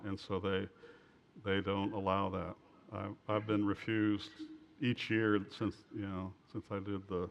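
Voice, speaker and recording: A man giving an informal slide lecture as an author, speaking in a halting, rambling way over a muffled recording. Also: lowish voice, creaky, slight background noise.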